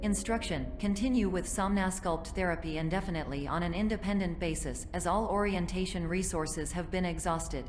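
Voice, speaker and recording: Glitching clinical AI system. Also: female voice, on the low side, fairly quick, hardly any pauses, music in the background. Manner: flat, procedural, reads out protocol steps. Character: malfunctioning clinical female AI therapy system. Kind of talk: game voice acting. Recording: long reverb with faint noise.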